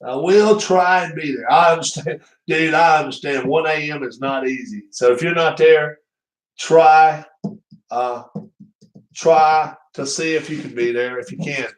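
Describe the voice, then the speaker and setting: A man's voice: a little high, measured pace. Rambling, jokey man in an echoey room. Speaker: channel host. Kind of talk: casual live-stream chat. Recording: roomy echo.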